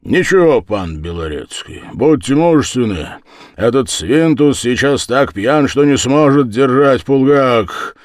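A man voicing a hot-tempered old host who booms and thunders at his guests. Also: expressive, a little slow, no echo, clean studio sound, natural voice. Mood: gruff. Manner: booming and thundering. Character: old booming male host, hot-tempered but kindly.

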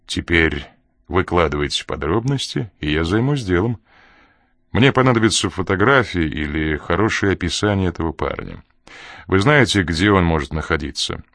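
A man voicing a calm, cynical hired man in an audiobook, curt and mocking. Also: sits low, normal speed, no echo, clean studio sound. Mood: businesslike.

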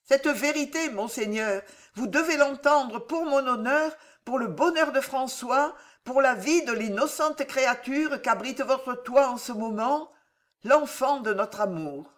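A woman's voice: high-pitched, measured pace, fairly bright tone, pitched above the performer's own voice. A woman voicing a wronged young noblewoman in an audiobook, trembling yet dignified as her words grow more intense. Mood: pleading. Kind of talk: audiobook reading.

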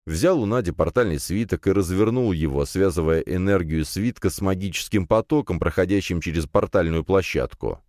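A man narrating a fantasy audiobook in an expressive, lively reading style. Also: low voice, normal speed, hardly any pauses, dry recording, studio quality.

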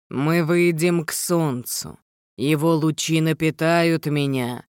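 Pompous male shadow spirit lord, voiced by an audiobook reader, slow heavy declaiming, smooth clear voice. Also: on the high side, no room sound, clean studio sound.

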